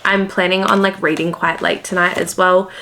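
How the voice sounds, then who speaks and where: Australian woman, casual rambling vlogger, slightly low pitch, conversational, faint background noise. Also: level tone, moderate pace, bright, forceful tone, poor audio. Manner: rambling, heavy use of "like". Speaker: book vlogger and host. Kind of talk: casual, chatty vlog talk.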